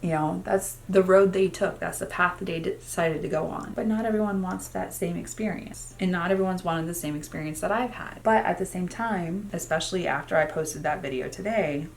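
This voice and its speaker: A woman in her late thirties talks through a get-ready-with-me vlog in a rather low voice. She is candid and reflective and drifts into asides, over a faint hum of room ambience. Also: a little fast, creaky, hardly any pauses. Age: 30s. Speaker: beauty vlogger.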